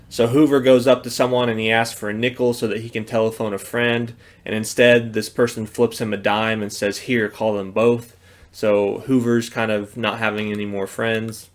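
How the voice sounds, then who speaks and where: American guy in his 30s doing a casual lecture, pretty flat tone. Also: medium pitch. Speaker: history teacher. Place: small indoor study or office, seated at desk.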